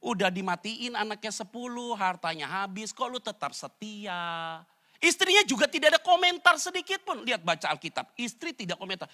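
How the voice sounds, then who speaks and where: A man preaching a casual sermon, jumping into loud acted voices and slangy asides. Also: high voice, fairly quick. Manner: animated, jumps into loud character voices. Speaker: pastor. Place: church online service.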